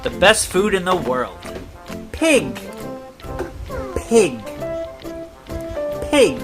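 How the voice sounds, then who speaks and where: Slow, lively woman teaching a toddler. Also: on the low side. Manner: repeats animal names, imitates animal sounds. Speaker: teacher showing a child farm animals. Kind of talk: slow repetitive toddler lesson. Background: background music.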